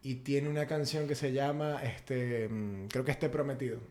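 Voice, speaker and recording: A man from Maracaibo with a Venezuelan Maracaibo accent, co-hosting a casual podcast chat. He talks in an animated, slangy way, full of fillers. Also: medium pitch, normal speed. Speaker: podcast co-host.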